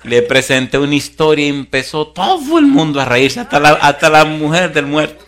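Animated preacher telling a funny story. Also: male voice, a little high, moderate pace, noisy background. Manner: animated storyteller, swings from hushed to loud. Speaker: pastor. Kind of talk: sermon with humorous storytelling.

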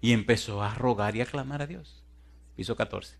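A man's voice: medium pitch, normal speed, creaky. A man preaching a sermon, telling a story dramatically and pressing his listeners with fervent, emphatic questions.

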